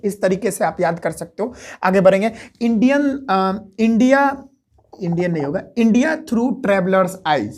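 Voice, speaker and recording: A male teacher talks through memory tricks in a hushed voice, recorded in a room at home at night. He keeps asking his own questions and answering them right away, in an easy, repetitive classroom manner. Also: high voice. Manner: asks a question, then answers it himself; speaks softly to keep from waking others. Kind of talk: exam memory-trick lesson.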